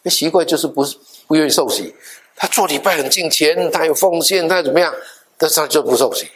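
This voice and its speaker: A middle-aged male pastor telling a story in a sermon, animated and acting out the dialogue, with English words mixed in. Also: fairly high pitch, a little fast, slight background noise. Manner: animated, acts out dialogue in different voices.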